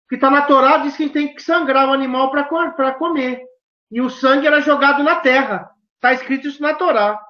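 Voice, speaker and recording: A high-pitched woman with a southern Brazilian Portuguese accent tells stories animatedly and briskly, acting out the voices of people she quotes. Her questions land with emphasis, and the recording is roomy and dull, like a lo-fi capture in an echoey room.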